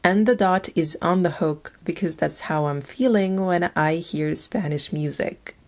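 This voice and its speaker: A woman narrates a scripted language lesson at a very slow, careful pace. Her voice sits a little low, and she says each letter name twice before explaining it. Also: darkish tone. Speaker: language teacher.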